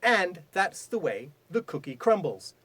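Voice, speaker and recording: A man with a high, very animated voice teaches English idioms to the camera. He leans hard on key words and lets his pitch leap up and down. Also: measured pace, slightly rough. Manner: lively, emphatic teaching with big swings in pitch and volume. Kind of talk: video lesson on idioms.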